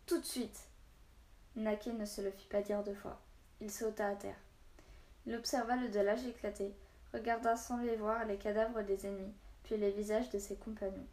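Woman, storyteller, expressive read-aloud, mid pitch, roomy echo. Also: normal speed. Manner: steady, expressive reading with voiced dialogue. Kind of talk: reading a children's novel aloud.

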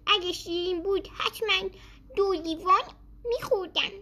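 A frail old man, put on by a woman storyteller, pleading in a high, bright, wavering voice. He sounds plaintive and delicate, a storybook grandfather. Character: frail old man, worried about his health.

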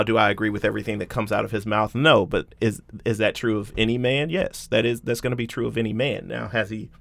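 A man speaking as a guest in a casual conversation, earnest and outspoken, and quick to laugh. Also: on the low side, vocal fry, bright, forceful tone, dry recording.

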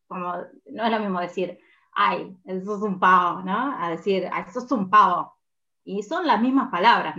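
A woman with an Argentine accent talks as a podcast guest, explaining points patiently and filling pauses as she thinks. Her pitch sits in an ordinary middle range. The audio is a little dull and lo-fi. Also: fairly bright tone. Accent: Argentine Spanish. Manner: explanatory, thinks aloud with fillers. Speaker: podcast guest, communication speaker. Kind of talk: casual podcast conversation.

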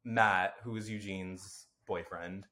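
A man's voice: deep voice, fairly even intonation, slow, bright, forceful tone. A man co-hosting a podcast in casual chat, rambling with lots of fillers and casual swearing, and a slightly nasal voice. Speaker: podcast co-host.

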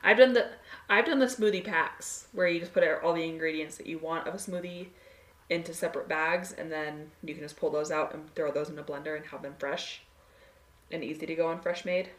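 A woman's voice: low voice, fairly quick. A woman co-hosting a podcast, talking in a casual, conversational way. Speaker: podcast co-host.

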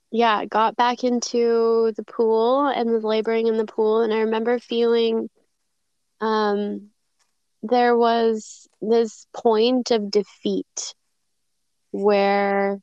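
Interview guest: woman, unhurried and hesitant, clean smooth voice, dull lo-fi recording. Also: a little high, a little mellow, no echo. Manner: reflective, hesitant, many fillers and restarts. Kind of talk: podcast interview, recounting a personal story.

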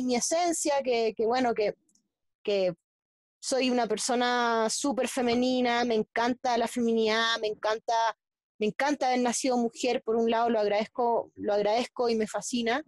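A Chilean woman with a fairly high voice talks as a guest in a casual interview. She speaks haltingly, with frequent fillers and restarts. The sound is dry and close, with almost no room echo. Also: steady tone. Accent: Chilean Spanish. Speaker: guest athlete.

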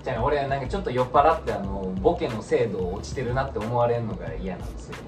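Lively Kansai man in a roomy recording. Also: mid-range voice, quick pace, recorded from a distance. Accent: Kansai Japanese. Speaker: co-host of a chat show. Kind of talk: casual comic banter. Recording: roomy, off-mic, music behind. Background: music.

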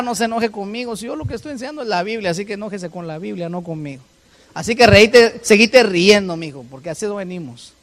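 Very high-voiced preacher. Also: male voice. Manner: rhetorical questions to the congregation, swings between loud and soft. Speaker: pastor. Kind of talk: sermon.

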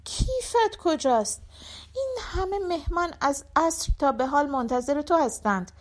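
A woman voicing an exasperated wife who scolds her absent-minded husband in a shrill voice. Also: lively intonation. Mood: scolding. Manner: shrill, rapid-fire complaints.

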